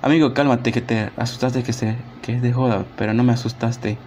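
A young man, talking through his game stream in a voice of middling pitch. He chats casually with viewers, mocks himself and groans over hard levels. Loud music plays behind him. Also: fairly even intonation, brisk. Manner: chatty, self-mocking, groans and sighs while playing. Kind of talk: casual live-stream gameplay chat.

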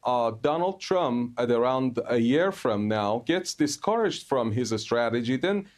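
News analyst, male, middle-aged, Persian accent, mid-pitched voice, halting phrasing in interview commentary. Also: lively intonation. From Iran.

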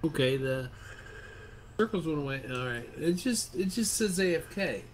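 A man streaming from his home computer, talking in a halting, muttered running commentary as his video call keeps freezing, mildly frustrated and swearing now and then. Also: on the high side, expressive, slight background noise. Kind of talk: casual live-stream chat.

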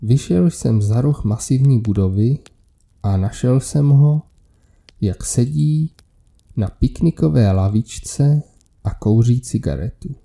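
A man reading a scripted horror story aloud in a measured, steady manner. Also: mid-range voice, creaky. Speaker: narrator.

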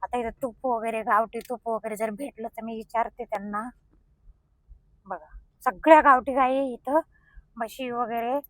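Bright high-voiced village woman vlogging. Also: steady tone, normal speed, no room sound. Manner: coaxing, sing-song talk to cows. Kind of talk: casual vlog narration. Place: cow shelter, outdoors.

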